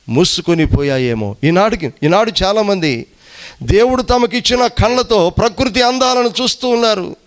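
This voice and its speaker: A male pastor preaching emphatically, repeating phrases and swinging his voice between high rises and low drops. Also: a bit bright, clear, resonant tone. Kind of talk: sermon.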